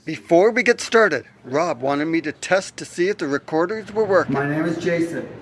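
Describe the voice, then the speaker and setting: A man's voice: a little high, animated, moderate pace, a little hiss or hum. A man hosting a ghost-hunting documentary, narrating and asking short eager questions. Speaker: host and investigator.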